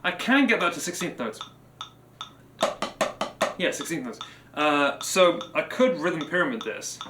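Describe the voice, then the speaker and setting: A man's voice: fairly high pitch, very animated, unhurried, heavy background noise. A man who teaches drums, chatting casually on a live stream while practicing, musing aloud and chanting counts and drum syllables. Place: room with drum kit. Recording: roomy live stream with loud clattering percussion.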